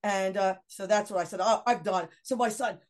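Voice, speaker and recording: Middle-aged woman telling a lively story. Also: medium pitch, a little fast. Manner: animated anecdote with laughs and quoted dialogue. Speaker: guest. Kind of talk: casual storytelling.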